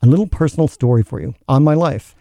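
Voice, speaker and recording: A man's voice: mid-range voice, fast, vocal fry, dark tone, no room sound, clean studio sound. A middle-aged man from Newfoundland with a Newfoundland accent, hosting a show and telling an earnest personal story before an interview. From Newfoundland, Canada. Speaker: podcast host.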